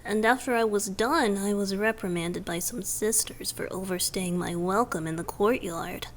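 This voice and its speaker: In a romantic ASMR roleplay, a woman voices a young male bard god who is playful and tender. Her medium-pitched, lightly acted delivery is soft and breathy, often whispered, with gentle teasing.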